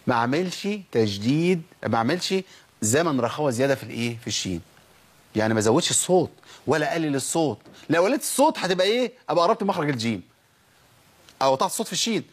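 A man with an Egyptian Arabic accent teaching Quran recitation, who asks and answers his own questions and slows down to drag out the sounds he demonstrates. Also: a little high, expressive, husky. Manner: quick explanations broken by slow, drawn-out demonstrated sounds. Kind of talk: recitation lesson.

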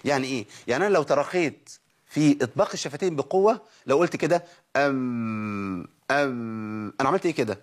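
Egyptian man, recitation teacher, quick husky delivery; asks and answers his own questions, models sounds for the class to copy. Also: on the high side, expressive. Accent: Egyptian Arabic. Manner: poses questions and answers them himself, models sounds for repeating. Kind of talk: recorded tajweed lesson.

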